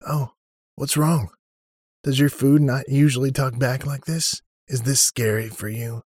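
A man's voice: fairly low pitch, fairly even intonation, unhurried, husky, no room sound, voice pushed up. A man voicing a cocky young man who mocks a far stronger opponent with sarcastic taunts. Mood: taunting. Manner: mocking, sarcastic, defiant. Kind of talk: audiobook character reading.

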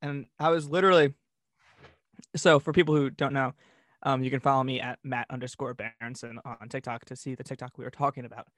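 A man's voice: mid-range voice, steady tone, fairly quick, no room sound, studio quality. A man co-hosting a podcast, bantering and telling stories casually with wry, self-deprecating humor. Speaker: podcast co-host. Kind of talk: casual comedic storytelling and banter.

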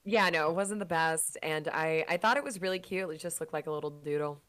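A young woman with a lowish voice chats about reality TV, giggling and stumbling over her words. She often cuts in and restarts her sentences. The audio comes through a remote call. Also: a little fast, a bit bright, no echo. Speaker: podcast co-host. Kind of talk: casual TV recap chat.

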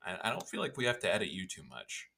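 Man, podcast co-host, very low voice, bright tone, rambling, joking. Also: huge pitch swings, quick pace. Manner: rambling, joking, self-deprecating. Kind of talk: casual chat.

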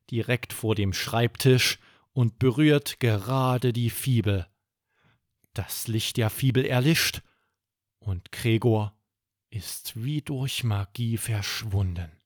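A man narrates a children's bedtime story slowly and gently. His voice moves up and down with plenty of expression. The recording is dry and close. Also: mid-range voice, no room sound.

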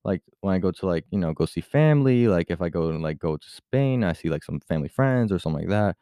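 A young Puerto Rican man delivers a casual personal monologue on his podcast, rambling with lots of "like" and frequent restarts, and sometimes slipping into Spanish mid-talk. His deep, dark voice is lively in intonation and quick, recorded dry at studio quality.

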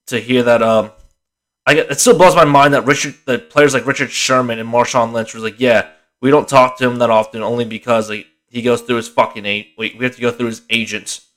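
A young man hosts a casual podcast on his own, worn out and yawning between thoughts. He rambles, restarts his sentences and swears freely, in a voice of ordinary middle pitch. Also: a bit bright. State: tired, yawning. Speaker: podcast host. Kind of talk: casual solo sports podcast.

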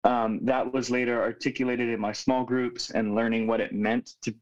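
A man's voice: mid-range voice, flat delivery. Earnest young man on lo-fi audio. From Hawaii. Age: 20s. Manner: earnest, reflective, with frequent "um" pauses. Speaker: youth pastor, podcast guest. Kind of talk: casual conversational storytelling. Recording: dull lo-fi remote audio.

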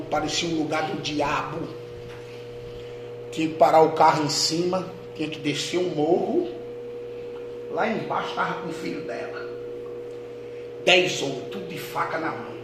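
A man, a pastor, telling a testimony in a sermon, dropping to a hush and rising to shouts. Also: fairly high pitch. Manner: dramatic storytelling, swings from hushed to shouting. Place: church hall. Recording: echoey hall with noise.

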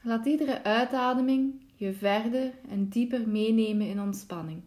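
Here a female yoga nidra instructor talks listeners through guided relaxation. Her voice sits on the high side, and she keeps her instructions measured, calm and soothing.

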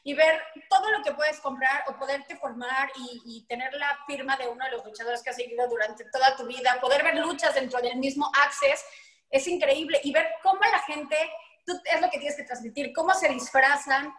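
A Mexican woman, a podcast guest, telling lively stories with frequent laughter. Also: high-pitched, moderate pace, echoey room. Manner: animated storytelling, laughing often. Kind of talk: casual chat.

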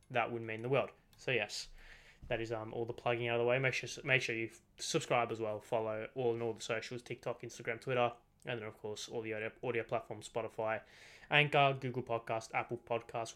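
Teenage lad with a slight lisp. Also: male voice, mid-range voice, fairly bright tone. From Australia. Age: teens. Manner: rambling, self-correcting, chatty. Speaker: podcast host. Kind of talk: casual solo football podcast. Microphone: desk microphone.

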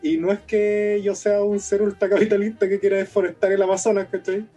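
A man with a Chilean accent talking casually about films and pop culture, laid-back and quick to laugh. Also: high-pitched, flat delivery, mellow, husky, soft background music. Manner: laid-back, keeps saying "cachai", laughs often. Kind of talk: casual film discussion.

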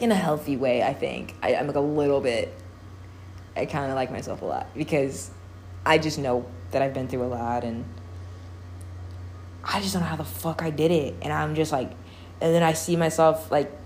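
A young adult woman hosting a solo podcast, rambling casually with lots of fillers, cussing and quick laughs. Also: low voice, a little mellow, slight background noise. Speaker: podcast host.

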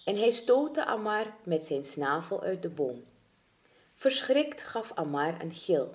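A woman reading a children's story aloud in an expressive, dramatic way. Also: fairly low pitch, takes it slowly.

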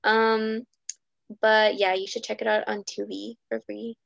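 A woman's voice: mid-range voice, level tone, a little slow, creaky, fairly bright tone, no room sound. Young woman podcast co-host, rambling filler-heavy chat, dry close lo-fi recording. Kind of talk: casual chat. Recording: dull lo-fi sound.

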